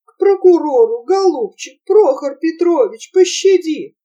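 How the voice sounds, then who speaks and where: A woman voicing a coarse, mocking old merchant father who talks slowly and loudly, recorded from a distance. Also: very high-pitched, expressive, lo-fi sound, voice pushed up. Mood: jeering. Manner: jeering, slow and loud.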